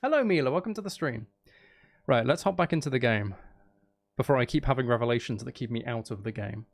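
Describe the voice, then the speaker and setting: Animated and brisk, this man's mid-range voice carries some vocal fry. As streamer and channel host of a live game stream, he keeps things casual and playful, talking to his viewers and to himself.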